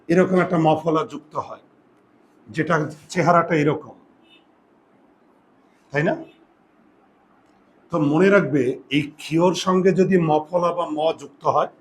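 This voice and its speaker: A man's voice: a little high, a little hiss or hum. A male teacher giving a grammar lesson, explaining step by step and often asking whether his students follow.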